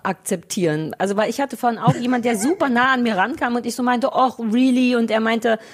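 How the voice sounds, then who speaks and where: A woman with a fairly high voice and a breathy edge chats at a rapid clip. She rambles playfully from one thought to the next as a podcast co-host on a video call. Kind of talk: casual chat over video call.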